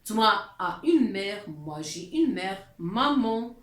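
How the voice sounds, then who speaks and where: Slow, patient woman teacher in echoey room. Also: mid-range voice, very animated. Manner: patient, repetitive, hesitant with fillers. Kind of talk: classroom lesson explaining letters.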